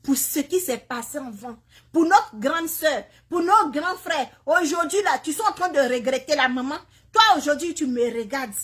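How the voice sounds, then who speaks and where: In Canada, a woman sharing her migration story makes an impassioned direct-to-camera appeal in a phone video. In a preachy, scolding manner, she lectures other mothers with repeated, pointed questions, her voice sitting high, a bit bright, lively in intonation and at a moderate pace.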